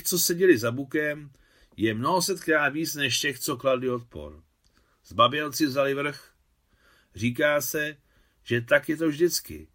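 A man's voice: medium pitch, fairly bright tone, pitched above the performer's own voice. A man reading an audiobook, voicing a sardonic taxi driver who talks earnestly and at length, with a wry edge. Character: sardonic French taxi driver, former resistance.

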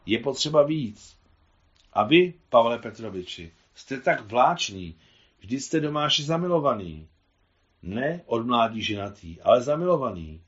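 A man's voice: mid-range voice, big pitch swings, muffled recording, lightly acted. Man reading as an insistent theatre director. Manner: coaching, insistent.

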